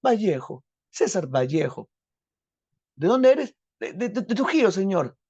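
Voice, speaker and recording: A man's voice: high voice, sing-song, unhurried, darkish tone, slightly rough, dry recording, highs cut off, pitched above the performer's own voice, full character voice. A man voicing a timid, eager young provincial poet who stammers and pleads deferentially. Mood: pleading eager.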